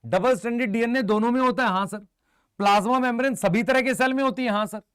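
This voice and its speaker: A man teaching a biology lesson, briskly quizzing his students and answering for them, mixing Hindi with English terms. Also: very high-pitched, fairly bright tone, smooth, no room sound, studio quality. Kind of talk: live online exam-prep lecture.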